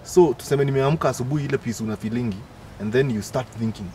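Kenyan male guest, rapid-fire casual testimony in mixed Swahili and English, noisy open-air recording. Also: mid-range voice, warm tone. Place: outdoor garden. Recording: clearly noisy outdoor ambience.

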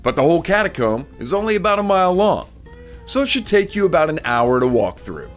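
A man's voice: a little high, sing-song, a little fast. A man narrating a travel video in a scripted voice-over, delivered in an informative, tour-guide way. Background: soft music bed.

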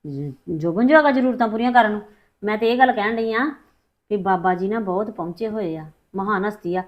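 A scheming middle-aged mother with a Punjabi accent, played by a woman, talking fast and evasively to cover her tracks. Her voice sits mid-range and comes through a dull, lo-fi recording. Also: mid-range voice, close to an everyday voice. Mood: defensive. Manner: defensive, talks fast and evasive. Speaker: mother in a family drama. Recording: dull lo-fi sound.

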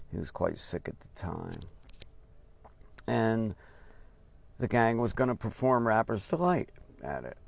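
An older man telling a casual story about his drumming days, halting and unhurried, with many pauses and restarts. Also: deep voice. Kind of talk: casual spoken anecdote. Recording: noisy recording with clear background hiss.

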